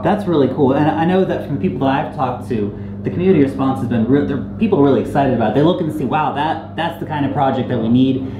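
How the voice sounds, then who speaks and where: A man's voice: medium pitch, fast, hardly any pauses, dull audio. A man hosting a casual interview, speaking in an enthusiastic, affirming way. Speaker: interview host. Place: indoor venue in Hong Kong. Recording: roomy, noisy ambience.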